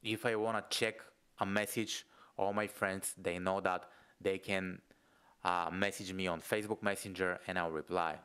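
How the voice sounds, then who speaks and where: A man's voice: low-pitched, fairly even intonation, moderate pace, a bit bright, clear, resonant tone. A young man from Bulgaria with a Bulgarian accent, giving a casual video lesson in a loose, conversational way, filled with "like". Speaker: entrepreneur and online business coach. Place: home room, indoors. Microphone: studio mic close in front of face.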